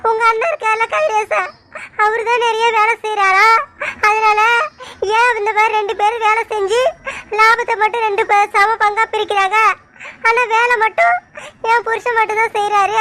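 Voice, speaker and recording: A woman doing a hurt young village wife in a cartoon, pouring out long tearful complaints. Her voice is very high and piercingly bright. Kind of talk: cartoon voice acting.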